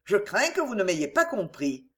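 A proud young French viscount, slight and hot-headed, acted out by a woman. He speaks stiffly and formally, his pitch dropping low with indignation. It is an audiobook reading. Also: very animated, moderate pace, natural voice. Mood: indignant.

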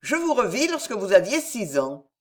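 Woman reading as a dry sarcastic middle-aged gentleman, husky voice, lively pitch. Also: normal speed. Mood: earnest. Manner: dry, sardonic, matter-of-fact. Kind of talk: audiobook character dialogue.

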